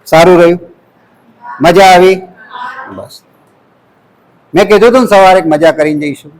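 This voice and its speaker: A man with a Gujarati accent leading a workshop for student teachers, lively and leading the class in chants. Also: sits high, moderate pace, some chatter behind, rough recording. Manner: lively, leads call-and-response chants. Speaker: workshop instructor. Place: college lecture hall.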